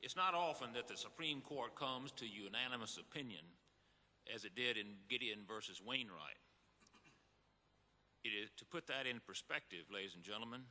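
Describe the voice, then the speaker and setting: In a readers theater re-enactment, a medium-pitched man reads the part of a formal justice with a bright, forceful delivery. It's a scripted dramatic reading given to an audience in a large hall, and the recording is echoey with long reverb.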